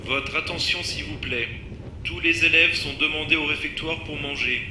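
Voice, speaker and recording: A man's voice: fairly high pitch, fairly even intonation, moderate pace. A man playing a school announcer who calls pupils in a formal tone over the intercom and repeats his call. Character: adult male school announcer calling pupils. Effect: school intercom announcement over loudspeaker. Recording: echoey, noisy intercom sound.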